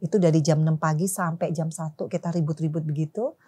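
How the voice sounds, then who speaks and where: A woman's voice: deep voice, steady tone, fast, mellow, breathy edge. A woman guest in a casual interview, telling a personal story in colloquial speech and acting out quarrels in quoted voices. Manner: colloquial, mixes in slang and English words.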